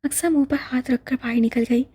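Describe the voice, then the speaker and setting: A woman reading a novel aloud in calm, even scripted narration. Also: high voice, a little fast, breathy edge. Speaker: audiobook narrator.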